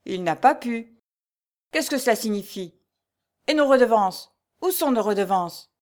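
A brutal, pompous little steward who barks his orders loud and high, as a woman reads him. His voice is forceful and sharp, and every sentence sounds like an order. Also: animated, unhurried. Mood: furious. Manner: loud, barking, peremptory. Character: short, blustering male steward, harsh. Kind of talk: storybook reading.

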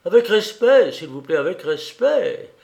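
A man's voice: fairly high pitch, expressive, measured pace. A man reading aloud voices an anxious, tender mother who pleads with her daughter. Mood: breathless joy. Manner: pleading, timid, then overjoyed.

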